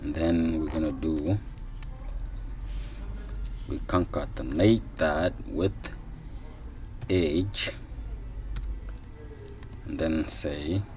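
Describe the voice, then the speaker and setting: This programming tutor, a man from Somalia in his thirties, has a bass voice that stays steady and a little mellow while he speaks extremely slowly and pauses often. He thinks aloud through a casual screen-recorded coding lesson, full of fillers and restarts, with a faint hiss or hum on the audio.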